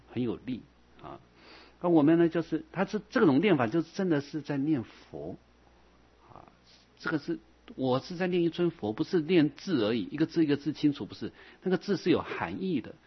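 A husky man gives a patient Buddhist dharma talk. He circles back over each point, softening his phrases with a drawn-out "ah". The recording sounds dull and lo-fi. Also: a little high, lively intonation. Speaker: Buddhist teacher. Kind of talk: dharma lecture.

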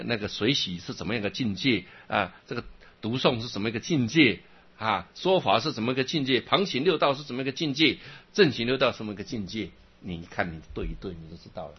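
A man giving an animated Buddhist dharma talk, telling stories and asking many rhetorical questions. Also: on the low side, breathy edge, lo-fi sound.

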